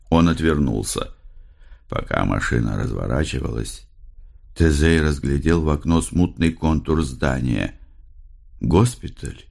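A man narrating an audiobook in an expressive, dramatic reading. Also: deep voice, gravelly.

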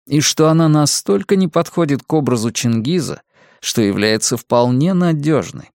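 A man narrating a first-person audiobook in a slow, wry storytelling manner. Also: fairly high pitch, lively intonation, gravelly, a little mellow, no echo, clean studio sound.

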